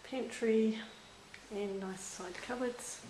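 A woman's voice: fairly high pitch, slow, background noise. A woman with a New Zealand accent walks through an empty rental house on camera, listing its features one by one in a plain, unscripted way. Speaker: rental property agent. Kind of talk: unscripted property walkthrough narration. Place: inside and around a small empty house.

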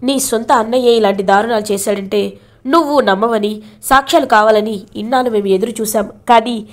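A protective middle-aged father speaks urgently in a fairly high voice, as a woman reads him out. He sounds worried for his son. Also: fairly quick, close to an everyday voice.

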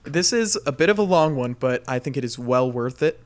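A man co-hosting a casual comedy podcast, reading out a listener's dream as an animated storyteller who laughs often. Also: medium pitch, a little fast.

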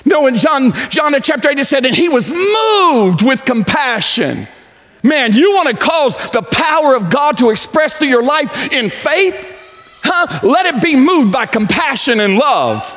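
A pastor in his forties preaching a sermon on a large church stage, pacing as he talks and swinging from loud to low. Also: sing-song, a little slow. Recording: echoey church hall.

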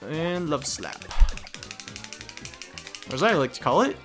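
A young adult man with a fairly high, sing-song voice rambles slowly and casually while playing a video game. He's a let's play host, and video game music runs behind him.

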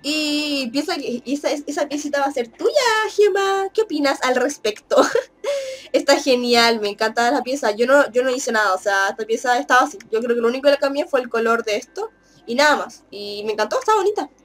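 A woman's voice: fairly high pitch, sing-song, brisk, a bit bright. Chatty young woman playing a game. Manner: chatty, laughing, teasing the game characters. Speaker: gaming YouTuber. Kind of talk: casual Let's Play commentary. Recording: faint background game music.

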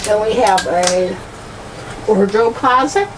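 A woman's voice: mid-range voice, lively intonation, slow pace. A middle-aged woman making brief, casual tour remarks inside a small trailer. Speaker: RV vlog co-host. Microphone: handheld camera a step or two away. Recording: noisy small trailer interior, air-conditioning hum.

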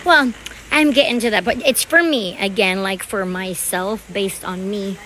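A woman's voice: medium pitch, unhurried, sharp tone, slight background noise, rough recording. A woman vlogging as she shops in a large store, chatting to her viewers in a rambling, casual way. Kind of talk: casual chat while shopping.

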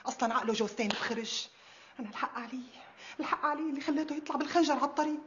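A fretful doting wife, Damascene accent, high fast voice, bright, slightly dull TV audio. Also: female voice, slight background noise. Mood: worried. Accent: Damascene Arabic. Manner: doting and pleading, with affectionate pet phrases. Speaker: wife in a period drama. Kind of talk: TV series acting.

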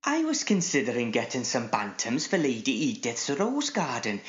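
A woman's voice: a bass voice, wildly swooping pitch, moderate pace, lo-fi sound, full character voice. A woman voicing a cheeky, bawdy male gardener full of innuendo. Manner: saucy, innuendo-laden.

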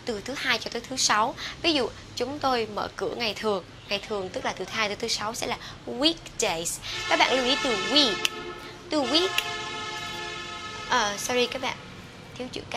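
A Vietnamese woman with a Vietnamese accent giving an English pronunciation lesson, drawing out model words slowly between quick explanations. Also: a little high, lively intonation, heavy background noise. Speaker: English teacher.

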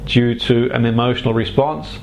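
Creaky-voiced man, even tone, hypnotherapy delivery. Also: mid-range voice, moderate pace, a crowd in the background. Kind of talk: guided relaxation and explanation to a client.

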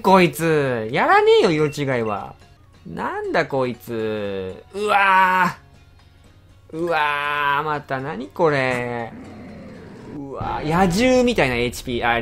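A man commenting live on a game he is playing, his voice swinging widely in pitch as he exclaims and grumbles at what he sees. Faint music plays behind him. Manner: excitable, exclaiming reactions and rapid grumbling. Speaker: game channel host.

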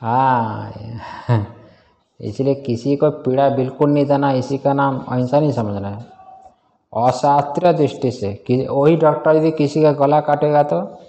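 A man's voice: medium pitch, a little slow, dark tone, dull audio. A man teaching a scripture class in a casual way, often quizzing his students and chuckling. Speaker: Vedanta teacher.

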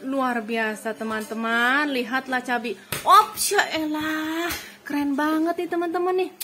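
A woman's voice: high-pitched, steady tone, a little slow, background noise. A woman filming children for a family vlog, cooing, cheering and laughing often as she talks to them. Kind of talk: casual family vlog chatter.

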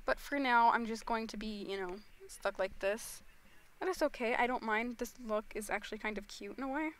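A woman's voice: a little high, a little fast, a bit bright. A teenage girl streaming a game, talking casually and rambling with lots of fillers. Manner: rambling, chatty, full of fillers like "you know" and "like". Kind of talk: casual game livestream chat.

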